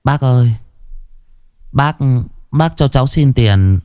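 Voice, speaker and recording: A poor, timid boy shoe shiner from Vietnam, played by a man narrating a storybook tale. He pleads quickly and politely in a voice pitched well above the performer's own. The sound is dry and close. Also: lively intonation, no echo, lightly acted.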